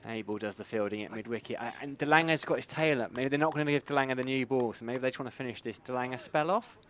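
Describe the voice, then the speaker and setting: A man with a medium-pitched voice commentates live on cricket. He is conversational and discursive, thinking aloud through his analysis of the play. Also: fast talker, a bit bright.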